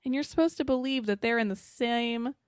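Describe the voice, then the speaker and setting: A woman's voice: a little high, a little fast, smooth, no room sound, clean studio sound. A woman co-hosting a casual podcast, chatting about a film in a wry, rambling way. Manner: chatty, wry, trails off and restarts. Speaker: podcast co-host. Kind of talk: casual film discussion chat.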